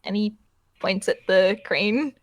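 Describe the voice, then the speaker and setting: A woman's voice: medium pitch, slow, dry recording. A woman playing a tabletop game, casually narrating what her character does.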